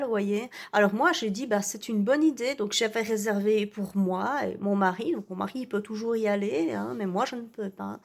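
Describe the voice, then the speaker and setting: A woman playing an indignant, self-righteous vaccinated woman in an ironic rant, full of hesitations and tag words. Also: fairly high pitch. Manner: hesitant, full of "euh" and "hein". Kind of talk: ironic satirical rant to camera.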